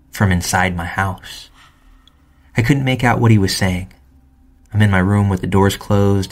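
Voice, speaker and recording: A man reading first-person true stories aloud in calm, measured scripted narration. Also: low-pitched.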